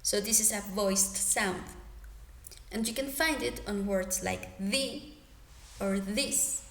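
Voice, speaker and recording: Slow, careful young woman teaching pronunciation. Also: mid-range voice, gravelly. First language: Spanish. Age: young adult. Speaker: student presenter. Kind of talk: pronunciation lesson. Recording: echoey room.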